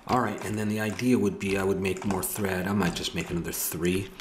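A middle-aged man with an Ottawa Valley Canadian accent talks to himself at a desk in a room at home, musing aloud as he works through a 3D modeling tutorial and correcting himself along the way. His voice is low, his intonation fairly even, and he speaks fairly quickly against a noisy background.

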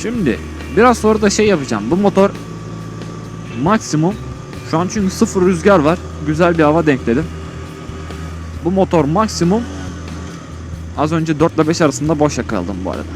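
Higher-voiced man vlogging from inside a helmet. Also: lively intonation, brisk, long pauses. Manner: speaking from inside a motorcycle helmet; colloquial, rambling thinking aloud. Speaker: motovlogger. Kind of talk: casual vlog commentary while riding. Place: outdoors on a motorcycle on an open road. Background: music, vehicle on the road.

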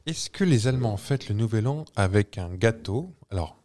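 A man's voice: on the low side, animated, moderate pace, darkish tone. A man co-hosting a casual podcast, reading out quiz facts in a playful, teasing way and chuckling often. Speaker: podcast co-host. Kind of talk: casual chat, true-or-false quiz.

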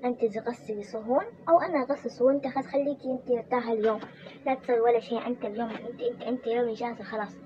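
A woman's voice: a little high, fairly even intonation, racing, warm tone, natural voice. A woman voicing a weary young wife in a toy role-play drama, chatting and complaining about her in-laws. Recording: muffled with background noise.

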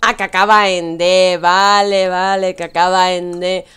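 A young woman from Spain, speaking with a Spanish accent, streams a game with casual commentary, chatting, teasing her viewers, addressing chat, and laughing often. Her voice is fairly low, a bit bright and smooth, delivered flatly at a measured pace.

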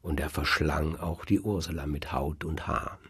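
Male storyteller, emphatic, very husky, deep, dry close sound. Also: normal speed, dry recording. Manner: lively, emphatic, dramatic swings in loudness. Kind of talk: oral storytelling of legends.

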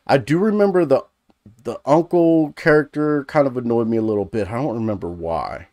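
A man's voice: mid-range voice, moderate pace, mellow, dry recording, studio quality. A man in his thirties giving a casual, sweary movie review to camera, rambling and jokey. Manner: rambling, jokey, laughs easily.

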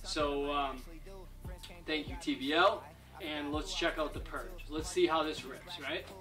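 A man's voice: fairly high pitch, a little slow. A young man in a casual product review vlog, upbeat and often asking "right?", filmed indoors in a living room by a camera across the room. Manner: upbeat, keeps adding "right?". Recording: distant mic with music under the voice.

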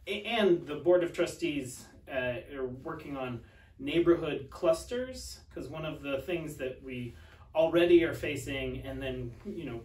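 A man's voice: mid-range voice, darkish tone. Man giving a church update, roomy room. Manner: earnest, reassuring, with many fillers. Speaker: minister. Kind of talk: church video announcement. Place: church office with bookshelves, indoors. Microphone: far camera. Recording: roomy sound from a distance.

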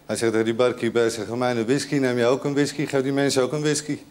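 A man telling a joke in a bar setting, deadpan and dropping his voice low for the punchline characters. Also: racing. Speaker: joke teller.

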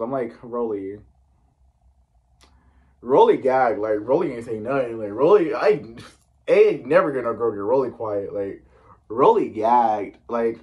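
A man from the US East Coast recaps a reality show in casual, chatty, sassy conversation, filling it with "like" and slangy asides. His voice is mid-range, and the recording is muffled.

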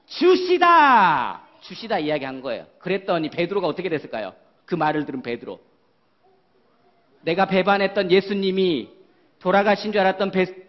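A man leading a children's service as a young ministry preacher, giving a lively sermon with role-play and often asking the children questions. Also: high voice, dull audio. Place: church worship hall.

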